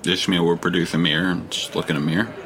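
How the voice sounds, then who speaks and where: A man playing a tabletop game, describing his character's actions in a halting, trailing way. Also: low voice, level tone, fairly bright tone. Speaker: player. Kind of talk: casual chat.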